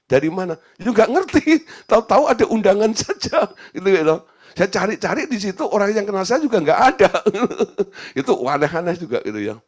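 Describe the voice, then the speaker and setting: Animated pastor. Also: male voice, high-pitched, fairly quick. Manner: animated, chuckling storyteller, "gitu loh" filler. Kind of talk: sermon storytelling.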